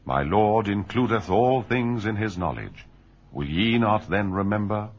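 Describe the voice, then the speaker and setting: Man reading old scripture, kinda husky, steady and serious. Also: on the low side. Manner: measured, solemn reading. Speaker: reader. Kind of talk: recitation of scripture in translation.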